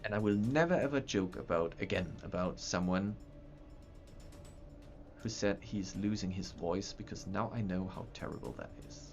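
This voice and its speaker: A man with a deep voice speaking at normal speed hosts a livestream showing map software. He chats casually and rambles, stumbling into restarts and repeating words, over dull lo-fi sound with faint music.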